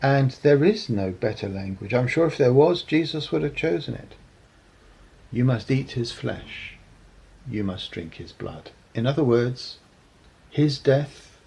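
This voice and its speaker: Male preacher, measured reflective sermon delivery with a raspy, gravelly tone. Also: medium pitch, a little mellow, rough recording. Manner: measured and earnest, with frequent ums.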